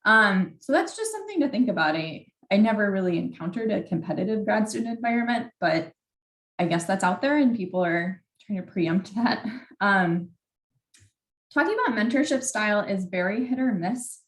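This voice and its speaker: A young adult woman, a graduate student mentor at a workshop, gives informal advice in a candid, conversational way, often saying "like." Her mid-range voice has lively intonation and a normal pace, and the recording sounds roomy and echoey.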